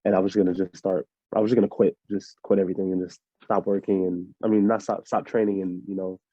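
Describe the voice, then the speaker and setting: Laid-back young man, dark and muffled. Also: low-pitched, flat delivery, fast, dry recording. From Miami, USA. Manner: laid-back, rambling with many fillers. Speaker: interview guest, fighter. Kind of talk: casual interview answers. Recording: muffled lo-fi audio.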